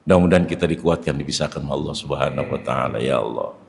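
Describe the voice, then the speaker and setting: Animated man preaching in an echoey hall. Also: racing, creaky. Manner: animated, swings between shouted stress and low prayerful murmurs. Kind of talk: sermon. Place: mosque hall.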